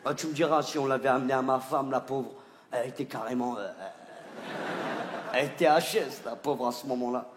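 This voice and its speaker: A man, doing stand-up comedy on a theatre stage, animated and stammering between shouted bits. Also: mid-range voice, fairly quick. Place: large theatre stage before a live audience. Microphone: stage microphone. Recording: roomy theatre echo with audience noise.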